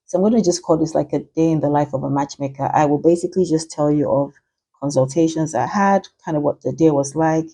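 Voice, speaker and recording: A woman's voice: sits low, fast, warm tone, husky. A woman, a matchmaker ranting chattily and with exasperation in a vlog.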